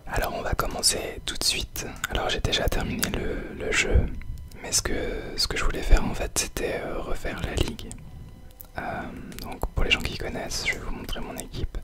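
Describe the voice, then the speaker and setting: A man whispers softly, very close to the ear, as he gives ASMR gameplay commentary. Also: moderate pace. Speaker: host of an ASMR gaming video.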